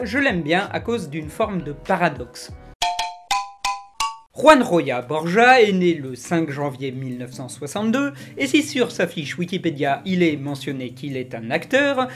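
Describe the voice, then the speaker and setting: A man hosting a web series, delivering scripted commentary at a quick clip with sarcastic asides. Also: on the high side. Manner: rapid, animated delivery. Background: faint background music.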